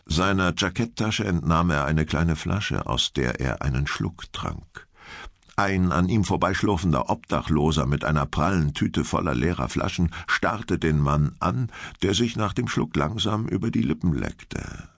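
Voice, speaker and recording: A man narrating an audiobook in a slow, measured storytelling style. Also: low-pitched, lively intonation, creaky, no echo, studio quality. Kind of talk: scripted narration.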